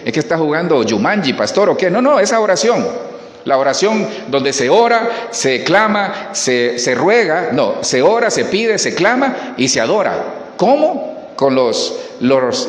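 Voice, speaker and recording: Preacher, animated, emphatic, higher voice, roomy church sound. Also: male voice. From Colombia. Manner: preaching emphatically, repeating words and addressing the congregation. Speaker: pastor. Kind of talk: sermon. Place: church hall. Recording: echoey hall.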